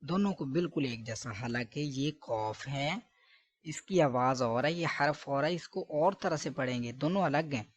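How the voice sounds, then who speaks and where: A man's voice: medium pitch, animated, normal speed, no echo. A man teaching letter pronunciation, correcting common mistakes and repeating each sound several times. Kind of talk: Arabic letter pronunciation lesson.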